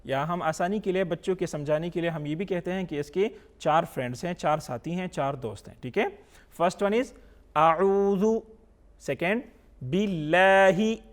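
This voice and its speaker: A man teaching a Quran reading lesson, asking questions and answering them himself, drawing out each letter as he recites it. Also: a little high. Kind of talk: slow teaching lesson with call-and-repeat recitation.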